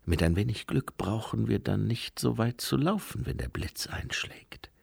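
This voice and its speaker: A man playing a shrewd old monk from a storybook, gruff and calm. He talks low and quietly, slowly weighing each word. The recording is dry and close. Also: no echo, full character voice. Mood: urgent.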